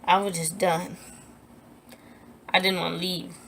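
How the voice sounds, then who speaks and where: Animated young woman telling a story. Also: fairly low pitch, a little slow, vocal fry, slight background noise. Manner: animated, acts out quoted lines in a raised voice; emphatic, repeats herself when upset. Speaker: vlogger telling a personal story. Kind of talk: storytime vlog.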